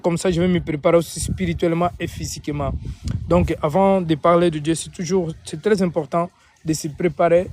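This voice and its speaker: There is a little hiss or hum behind this man's fairly high, darkish voice. A native Portuguese speaker from Angola with an Angolan Portuguese accent, he preaches and prays in an informal live stream, repeating and reworking his phrases often.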